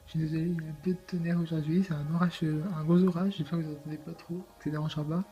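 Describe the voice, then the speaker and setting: A man's voice: a little high, level tone, rapid-fire, mellow, lo-fi sound, faint music behind. A man doing casual, hesitant gameplay commentary as a let's play gamer.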